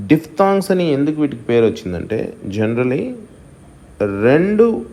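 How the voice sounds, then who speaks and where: A man teaching a recorded phonetics lesson, explaining sounds deliberately and repeating each example word several times. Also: mid-range voice, a little mellow. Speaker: English teacher.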